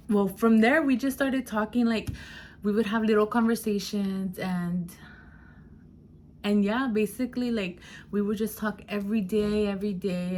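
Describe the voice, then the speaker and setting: A woman's voice: medium pitch, a little hiss or hum. A young woman vlogger telling a casual story, rambling with lots of fillers and slipping into Spanish.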